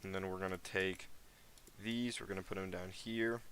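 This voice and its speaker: A teenage American guy streams a game, chatting casually with viewers in a rambling, slangy way. His voice is low-pitched and a bit bright, with a steady tone at a normal speed. There is a little hiss or hum on the recording.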